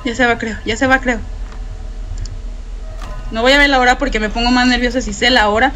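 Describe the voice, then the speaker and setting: Scared mexican girl yelling at a horror game, high bright voice, keeps cussing. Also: fairly even intonation, a little fast, soft background music, poor audio. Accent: Mexican Spanish. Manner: panicky, swearing, shrieking and laughing nervously. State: scared and shaky. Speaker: gameplay streamer.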